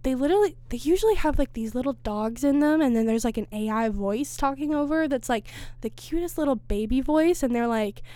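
A young woman chats at a studio microphone as co-host of a college podcast. Her voice sits a little high and comes through smooth and clean. She rambles easily, filling her talk with "like" and "you know.". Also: animated, a little fast, warm tone. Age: young adult. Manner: chatty, full of "like" and "you know". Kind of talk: casual podcast chat.

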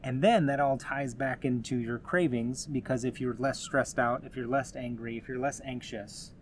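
A man's voice: medium pitch, steady tone, moderate pace, a little hiss or hum. A man giving casual motivational advice as a host, earnest and encouraging in a conversational way.

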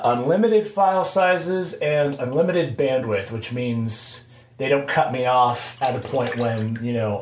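A man hosting a casual solo podcast from an echoing bathroom, talking in a halting, rambling, informal way. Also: medium pitch. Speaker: podcast host. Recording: echoey bathroom, faint background noise. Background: faint noise, sounds of shaving at sink.

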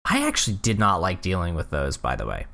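A man with a lowish voice talking casually about a video game. He takes his time describing small details and fills the gaps with "um" and "like." His tone stays easygoing and conversational. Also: a little fast, vocal fry. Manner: relaxed, describes details with fillers. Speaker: podcast co-host.

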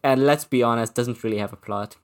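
A man talks through a movie review in loose, halting sentences, stopping and restarting his thoughts with plenty of "uh" and "like". It is relaxed podcast chat between two co-hosts. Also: mid-range voice. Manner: halting, full of fillers and restarts. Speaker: podcast co-host.

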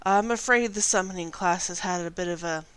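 A woman's voice: on the low side, brisk, a bit bright, smooth, no echo, natural voice, low-quality recording. A woman voicing an elderly male wizard in a tabletop game, hesitant and understated as he reports trouble. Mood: apologetic worry. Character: worried elderly withered male wizard teacher.

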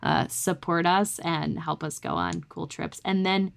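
A woman's voice: lowish voice, steady tone, unhurried, vocal fry. A woman co-hosting a ghost podcast in casual chat, bubbly and enthusiastic. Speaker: podcast co-host.

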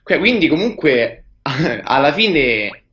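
A man's voice: fairly high pitch, sing-song, slow pace, pushed and bright. A man calling in to a live show, heard over a call line, talking hesitantly and restarting his sentences. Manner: hesitant, searches for words, many restarts. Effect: heard over a call line, dull and muffled. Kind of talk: casual chat. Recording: dull lo-fi call audio.

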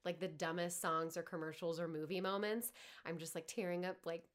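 A woman's voice: fairly low pitch, fairly even intonation, brisk. A woman hosting her own podcast, talking in a chatty, candid way, swearing now and then and laughing often. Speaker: podcast host. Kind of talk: casual solo podcast chat.

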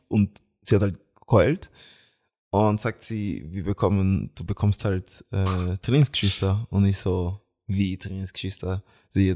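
A young man tells a family story in an interview, with a low-pitched voice. He talks casually, stumbles over restarts and fillers, and laughs easily. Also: darkish tone. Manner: chatty, halting with many fillers and restarts, laughs often. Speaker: guest.

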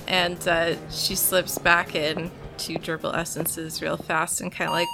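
A woman's voice: lowish voice, little pitch movement, unhurried, creaky, over music. A woman player describing her character's actions hesitantly, with many fillers. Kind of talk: casual tabletop play.

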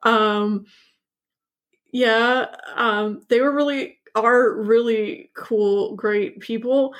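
A woman's voice: fairly high pitch, fairly even intonation, extremely slow. A woman in her thirties, an actor, chatting as an interview guest, laughing often and using many fillers. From born in Hungary, grew up partly in New York and Montreal. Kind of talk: casual interview chat.

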